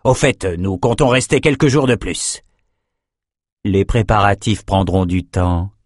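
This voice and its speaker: Sardonic male sorcerer lord, read by a man, low, mocking, dry audiobook read. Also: a little slow, no room sound. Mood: casual. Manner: mocking, callous, amused. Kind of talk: audiobook character voice.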